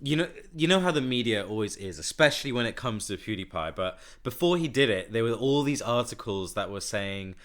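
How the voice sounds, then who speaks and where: Bright-voiced guy running a podcast, kinda nasal, chatty and teasing. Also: mid-range voice, expressive, brisk, hardly any pauses. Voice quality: a little nasal. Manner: chatty, teasing, rambling with fillers. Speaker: podcast host. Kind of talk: casual chat.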